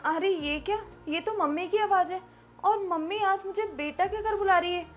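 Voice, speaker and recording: A woman's voice: very high-pitched, moderate pace, a little hiss or hum. A woman playing a meek, dutiful young daughter-in-law who speaks politely to her mother-in-law in a family melodrama. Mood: anxious, polite. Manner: meek, polite, eager to please. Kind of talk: amateur family melodrama acting.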